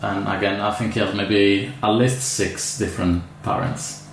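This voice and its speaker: Italian man with a low, gravelly voice. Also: fairly even intonation, a little slow. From Italy. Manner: hesitant, many fillers and restarts, chatty asides. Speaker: orchid grower. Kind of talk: casual unboxing vlog. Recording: echoey room with faint ambient noise.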